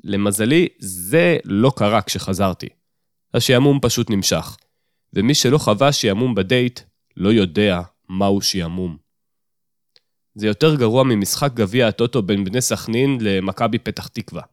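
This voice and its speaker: A man's voice: lowish voice, dry recording, clean studio sound. A man narrating a first-person story in a wry, self-mocking tone.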